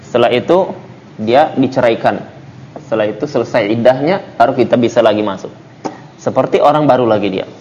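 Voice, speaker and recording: A man's voice: medium pitch, a little fast, a little mellow. A man teaching a religious book study, explaining by posing and answering his own questions. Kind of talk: religious lecture. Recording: muffled lo-fi lecture recording with faint hiss.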